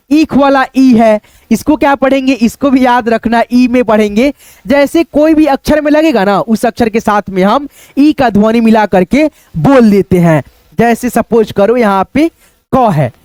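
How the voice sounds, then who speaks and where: A young man teaching Hindi reading in a casual spoken lesson, repeating sounds and words slowly and calling to his viewers as friends. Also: very high-pitched, darkish tone, no room sound. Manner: repetitive, drills words slowly, coaxing "dosto".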